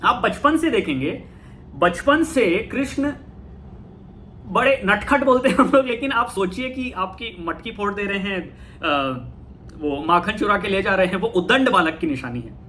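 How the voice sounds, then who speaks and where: A man giving a casual talk on spirituality, thoughtful, pausing and correcting himself often. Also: sits high, animated, sharp tone, slight background noise. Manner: thoughtful, with frequent fillers and self-corrections. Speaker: talk host.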